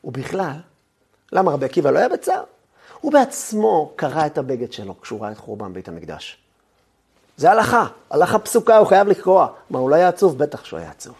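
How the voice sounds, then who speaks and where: A man giving a lively lecture, telling the story with animation and dropping to a hush at times. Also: fairly high pitch, breathy edge. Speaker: Torah lecturer.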